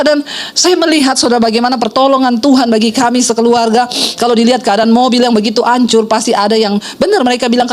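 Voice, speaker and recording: A middle-aged woman pastor preaching a sermon, telling a story in a lively way and acting out the people she quotes. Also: sits high. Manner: animated storytelling, acts out quoted voices.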